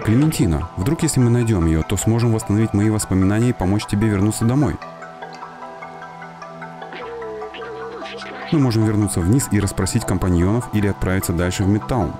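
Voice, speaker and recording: A man's voice: fairly low pitch, fast talker, few pauses, over music, close to an everyday voice. A man voicing a forlorn robot companion with lost memories in a video game, reading earnestly and reflectively. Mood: earnest, hopeful. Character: forlorn amnesiac robot companion with a human mind. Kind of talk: reading game dialogue aloud.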